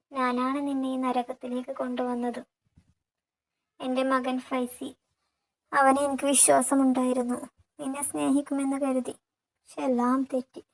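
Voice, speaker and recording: A woman's voice: a little high, a little mellow, low-quality recording. A woman voicing a tearful old father-in-law. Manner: pleading, weeping, slow and heavy. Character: elderly ailing father-in-law, remorseful and tearful.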